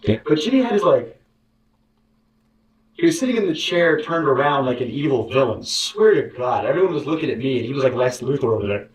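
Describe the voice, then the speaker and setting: A man's voice: mid-range voice, big pitch swings, fairly quick. A man recounting a bitter experience as an interview guest, rambling and sarcastic. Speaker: interview guest, former contestant. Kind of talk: candid storytelling. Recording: roomy, distant mic.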